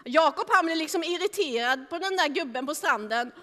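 A woman telling a Bible story to children in a lively, animated way, acting out the scenes. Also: high-pitched, big-room sound.

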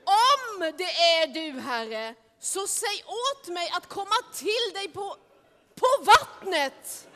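A woman's voice: very high-pitched, very animated, a bit bright, full character voice. A woman voicing the disciple Peter, an impulsive adult fisherman who talks in eager exclamations, in an echoey hall. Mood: pleading.

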